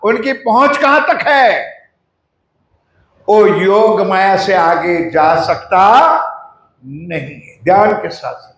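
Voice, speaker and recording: A man giving a devotional sermon, putting questions to his listeners and chanting mantras slowly. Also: high-pitched, a bit bright. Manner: addresses the audience directly with questions. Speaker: preacher. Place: ashram hall. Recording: echoey hall.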